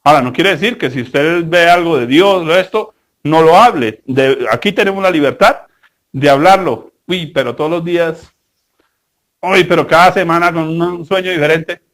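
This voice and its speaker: A male pastor, preaching a sermon with animated storytelling and acted-out quotes. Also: on the high side, moderate pace.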